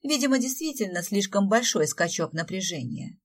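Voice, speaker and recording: A woman voicing a calm, gracious noblewoman soothing her guests in an audiobook. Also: medium pitch, normal speed, recorded from a distance.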